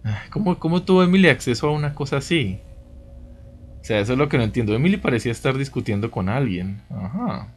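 A man's voice: mid-range voice, sing-song, quick pace. A man doing casual let's play commentary, chatty, reading game dialogue aloud and reacting with exclamations and asides. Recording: music behind the voice. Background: game music.

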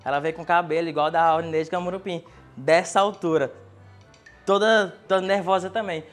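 A man doing stand-up storytelling on a TV show, animated and building comic tension. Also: fairly high pitch, fairly quick, soft background music. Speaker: stand-up comedy contestant. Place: TV studio.

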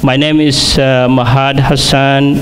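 A young man from Somalia with a Somali accent, giving a halting speech at an awards banquet, often restarting with fillers. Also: mid-range voice, flat delivery, a little hiss or hum, rough recording. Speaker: award guest speaker. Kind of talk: prepared speech at a podium. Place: banquet hall stage. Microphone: podium microphone.

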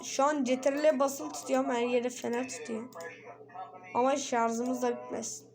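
A woman's voice: high voice, level tone, moderate pace. A woman giving let's play commentary on a horror game, jumpy and frightened, swearing and shrieking often. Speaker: gaming video creator.

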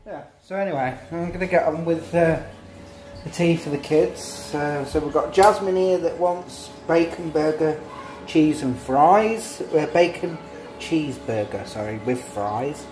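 This vlogger chats to viewers about feeding his kids in a loose, meandering style, his voice a little high, unhurried and slightly mellow. Soft music plays in the background of the low-quality clip, shot on a phone held at arm's length in a small kitchen and living room.

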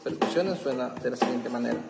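A man hosting a keyboard tutorial, explaining step by step in a halting, casual way with many fillers and restarts. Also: mid-range voice, gravelly, low-quality recording. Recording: loud keyboard music behind.

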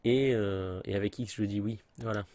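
A man's voice: fairly low pitch, steady tone, normal speed, mellow. A man giving casual let's play commentary with sarcastic, joking asides. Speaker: gamer commentator.

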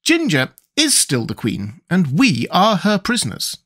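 A man's voice: high-pitched, wildly swooping pitch, a little slow, fairly bright tone, pitched above the performer's own voice, heavily acted. A man voicing a courteous, reasonable man made of tin in a children's storybook. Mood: calm, reasonable.

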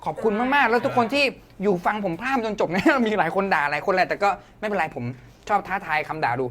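A high-voiced man hosts a live stream at a very fast clip. He jokes and banters casually and slips in crude slang. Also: animated, fairly bright tone.

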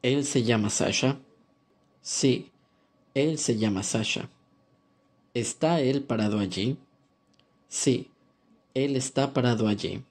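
Man narrating a language course. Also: medium pitch. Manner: calm, measured instructional reading. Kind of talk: scripted audiobook narration.

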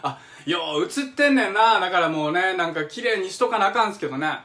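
A man's voice: high-pitched, expressive, fast, bright, forceful tone. Chatty middle-aged man with a Kansai accent. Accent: Kansai Japanese. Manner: eager, chatty explainer who hums examples and reads out viewer comments. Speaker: live-stream host. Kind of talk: casual live-stream talk explaining music. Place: home kitchen. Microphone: phone or webcam on a live stream.

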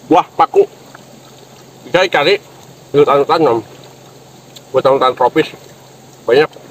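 A man's voice: a little high, a little slow, rough recording. Man talking with his mouth full. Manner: chatty, addresses viewers directly. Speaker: vlogger. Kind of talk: casual outdoor food vlog. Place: outdoors in a forest by a river.

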